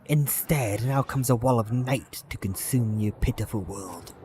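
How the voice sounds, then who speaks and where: A man voicing an ancient monumental serpent that speaks slowly and menacingly. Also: mid-range voice, background noise, close to an everyday voice. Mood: ominous. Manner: slow, drawn-out, ominous delivery.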